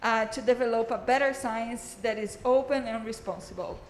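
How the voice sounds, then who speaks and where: With slight background noise behind her, a warm, chatty course host introduces a guest speaker in a lecture room. She talks at normal speed in a fairly high-pitched voice, laughing between remarks in this casual spoken introduction.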